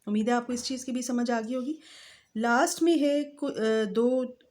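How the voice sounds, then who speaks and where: A woman teaching English grammar in a patient voice-over, slowly spelling out word forms. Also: a little high, steady tone, a little mellow. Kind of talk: grammar lesson explained over slides.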